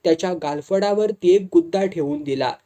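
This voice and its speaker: A man tells a humorous village tale with lively, colloquial narration. His voice is dark and mellow. He delivers it as a storyteller. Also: high voice, fairly quick.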